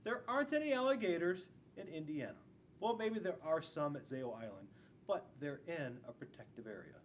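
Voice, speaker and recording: This school resource officer, a man in his forties, reads a storybook aloud to young children in a classroom, breaking off for playful, chatty remarks. He speaks at a moderate pace in a fairly high, expressive voice. The camera is a few feet away, so the mic sounds distant and there's faint room noise.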